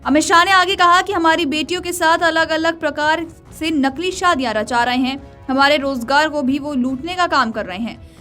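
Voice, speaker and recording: A woman's voice: high voice, normal speed, bright, forceful tone. A woman reading a scripted news report as a video news presenter. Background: faint music.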